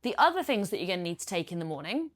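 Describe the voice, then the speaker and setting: A woman's voice: fairly low pitch, sing-song, racing. A woman, talking through her triathlon kit in a casual how-to vlog, chatty and practical. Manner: chatty, practical, explains step by step. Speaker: triathlete vlogger.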